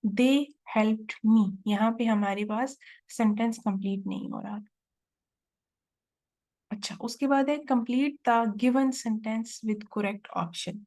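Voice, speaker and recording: A woman teaching a test-prep lesson, reading each English question slowly and then explaining it in Urdu-Hindi. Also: a little high, a little mellow.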